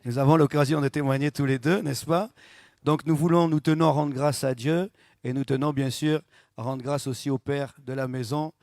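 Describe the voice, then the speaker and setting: A male pastor giving a testimony at a church service, speaking lively into a handheld mic, joking and often turning to the congregation with "n'est-ce pas?". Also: mid-range voice, moderate pace, dry recording, studio quality. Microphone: handheld microphone.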